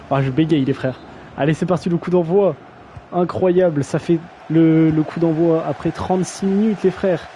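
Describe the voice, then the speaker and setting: A man's voice: on the high side, steady tone, moderate pace, warm tone, slight background noise, low-quality recording. A young man casually commentating a video game match on a live stream, slangy and self-mocking, often stumbling over player names.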